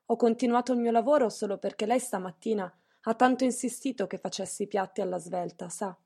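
A woman's voice: on the high side, fairly quick, a little mellow, breathy edge. A woman reading an audiobook, voicing a timid young housemaid girl who speaks hesitantly and apologetically. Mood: apologetic.

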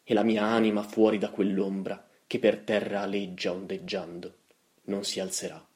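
A man giving a solemn, brooding dramatic reading of a poem, his voice trailing softly at the ends of lines. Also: fairly low pitch, level tone, moderate pace. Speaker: reader.

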